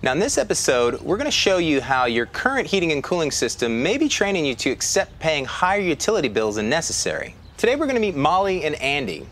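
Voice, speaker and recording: A man's voice: fairly high pitch, sing-song, quick pace, few pauses, a bit bright, a little hiss or hum. A man in his thirties hosting a sponsored home show, upbeat and chatty, in a living room. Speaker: show host.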